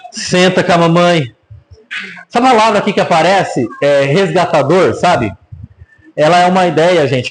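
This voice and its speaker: A man's voice: fairly high pitch, rough recording. A man with a Brazilian Portuguese accent teaching the Bible in a casual preaching style, joking and putting rhetorical questions to his audience. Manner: lively, asks the audience rhetorical questions, jokes.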